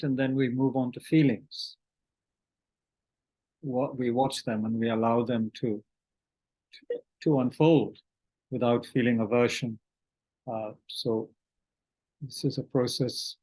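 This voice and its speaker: The audio is poor as a man leads an online Buddhist meditation session, his medium-pitched voice a little mellow. He speaks haltingly with plenty of fillers, restarts, and throat-clearing, reading out questions that come in through the chat.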